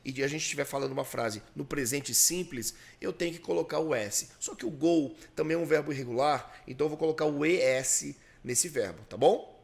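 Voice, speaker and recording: A man's voice: fairly high pitch, a little fast, creaky. A man with a Brazilian Portuguese accent hosting a podcast and teaching English grammar, patiently explaining and drilling repetitions. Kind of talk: bilingual English lesson.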